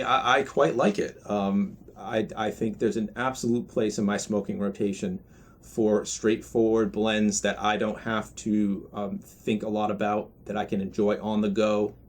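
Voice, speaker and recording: A man with a moderately low-pitched voice gives an informal review. He talks in a measured, considered manner, often stopping briefly mid-sentence before carrying on. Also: a little mellow. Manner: measured, deliberate, with mid-phrase pauses. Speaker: pipe tobacco reviewer. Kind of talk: casual, unscripted product review.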